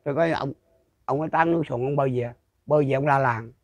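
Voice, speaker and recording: A man's voice: mid-range voice, fast talker, no room sound. An older man with a Southern Vietnamese accent telling a folk ghost story in a rambling, repetitive way, full of restarts. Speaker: storyteller interviewee.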